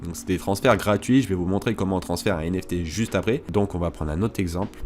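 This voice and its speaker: Guy with a lowish voice walking through a screen tutorial, laid back, bit of faint noise behind. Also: fast. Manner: casual, explanatory, with hesitations and asides. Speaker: crypto tutorial host. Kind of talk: screen-recorded tutorial walkthrough.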